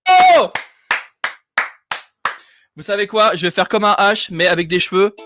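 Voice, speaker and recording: A man's voice: high-pitched, fairly even intonation, fast, music in the background. A man hosting a live stream, joking and self-mocking in casual chat.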